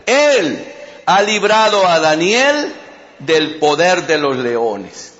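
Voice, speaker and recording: A grave ancient king speaks in solemn, measured words, voiced by a male preacher. The voice is high for a man, and the delivery is slow and weighty. The recording sounds dull and lo-fi. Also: big pitch swings, fairly bright tone, slight background noise, heavily acted. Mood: proclaiming. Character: King Darius, an anxious then awed monarch.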